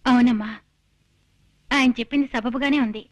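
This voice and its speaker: A woman's voice: fairly high pitch, steady tone, normal speed, dull audio, slight background noise, natural voice. A woman playing an earnest dutiful daughter. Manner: earnest, firm pleading. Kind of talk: 1990s film drama acting.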